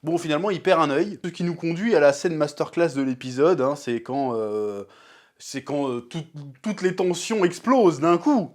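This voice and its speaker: A young man giving a casual, slangy episode review, animated and acting out scenes in quick voices. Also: on the high side. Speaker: TV series reviewer.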